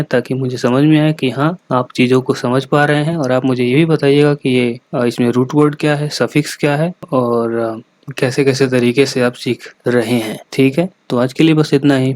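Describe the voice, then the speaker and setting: A male teacher gives a patient vocabulary lesson in a classroom manner, spelling words out letter by letter and pausing to check that his students follow. His voice sits at an ordinary middle pitch. The sound is close and dry, with no room echo. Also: fairly even intonation, a little mellow. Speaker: English teacher.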